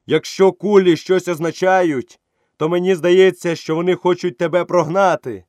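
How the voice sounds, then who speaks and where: A man voicing a calm old wolf. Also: high voice, no echo, studio quality, voice pushed up, lightly acted. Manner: calm, measured.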